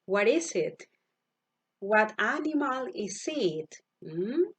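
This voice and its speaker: A woman teaching English to primary school children, saying each animal word slowly and asking the kids to repeat it. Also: mid-range voice, big pitch swings, slightly rough. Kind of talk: online class, slow vocabulary drill. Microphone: computer mic, virtual class.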